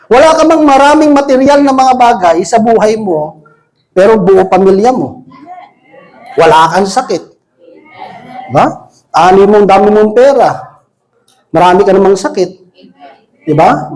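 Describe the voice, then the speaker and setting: A lay preacher gives a conversational sermon at a church service, joking with the congregation and frequently checking in with quick rhetorical questions. His voice is high-pitched and a little mellow, and the recording quality is low.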